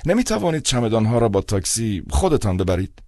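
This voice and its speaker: A man's voice: lowish voice, big pitch swings, mellow, no room sound, studio quality, pitched above the performer's own voice. A man reading aloud and voicing an old, cold, stingy male director of a charity, haggling in a petty manner. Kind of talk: audiobook character voice.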